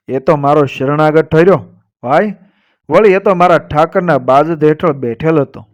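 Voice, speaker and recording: A man storyteller voicing a proud older Rajput woman who protects a wounded bird, speaking firmly and reciting verse in a measured way. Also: a little high, close to an everyday voice.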